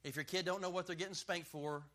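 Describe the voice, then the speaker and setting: Middle aged pastor guy, high voice, super sharp and forceful, punchy joking sermon. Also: steady tone, fast. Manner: emphatic, punchy and joking, with call-and-response.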